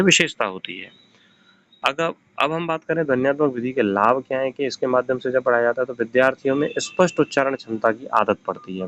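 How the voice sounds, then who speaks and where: Man teaching in a steady lecturing voice. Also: medium pitch, slight background noise. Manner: explains each point, then asks and answers his own questions; repeats key points in simpler words. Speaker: exam-prep teacher. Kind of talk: recorded classroom-style lecture. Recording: slightly dull, lo-fi audio.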